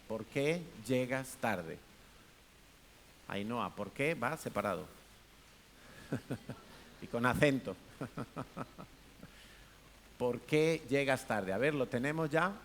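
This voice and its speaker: A man with a Spanish accent preaching a sermon in a church hall, in a conversational way, asking the congregation questions and acting out different tones of voice. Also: medium pitch. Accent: Peninsular Spanish. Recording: faint hiss.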